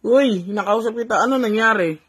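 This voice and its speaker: A woman's voice: a little high, normal speed, a bit bright, breathy edge. A woman chatting casually with her talking pet, coaxing it with teasing questions. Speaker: pet owner.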